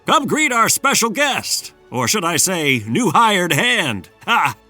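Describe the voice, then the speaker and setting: A man's voice: high-pitched, very animated, slow, sharp tone, faint music behind, voice pushed up, full character voice. A man voicing a jolly, scheming male farmer raccoon in a storybook, hearty and teasing.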